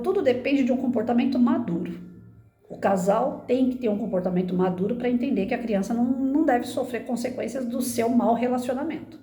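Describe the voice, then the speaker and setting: A former teacher in her fifties speaks casually to camera, offering earnest, conversational advice about family life and frequently closing her phrases with tag questions. Her voice is on the high side with a dark tone, and the sound is reverberant.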